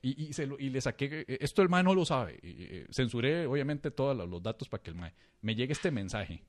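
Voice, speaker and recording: A man's voice: mid-range voice, very animated, a little fast. Costa Rican man telling a rambling story. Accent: Costa Rican Spanish. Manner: rambling, self-mocking, slangy. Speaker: podcast co-host. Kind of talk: casual storytelling.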